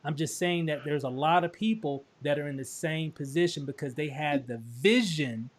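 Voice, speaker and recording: A man's voice: on the high side, moderate pace. Upbeat man hosting a video call. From Texas. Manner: upbeat, repetitive, many restarts and fillers. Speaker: host. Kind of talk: casual promotional livestream chat.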